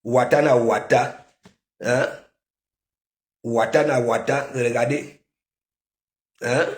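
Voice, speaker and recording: Slow, scolding man with an echo. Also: mid-range voice, fairly even intonation. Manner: repeats phrases with constant "hein?" rhetorical questions. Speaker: online commentator. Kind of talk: scolding gossip commentary to viewers.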